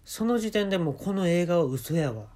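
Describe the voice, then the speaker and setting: A man with a Kansai accent telling comic stories in a solo monologue, deadpan with sudden animated jumps. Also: sits high, moderate pace. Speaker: podcast host.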